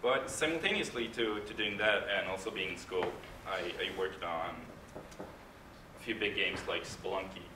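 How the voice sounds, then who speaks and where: A man giving a casual conference talk, halting and hesitant with frequent restarts. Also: deep voice. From Norway. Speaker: conference speaker, game composer. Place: large conference hall. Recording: echoey hall, distant mic, room noise.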